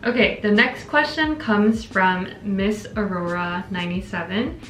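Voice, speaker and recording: Hosting a laid-back relationship Q&A on her channel, a young woman from Korea reads out questions from viewers and responds with care. She speaks unhurriedly in a mid-range, fairly bright voice, recorded in an echoey room with background music.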